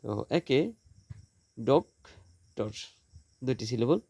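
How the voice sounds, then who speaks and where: A male teacher giving a school lesson, sounding out example words slowly, with a Bangladeshi Bengali accent. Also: medium pitch, animated, gravelly, darkish tone, dry recording. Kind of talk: classroom lesson for school students.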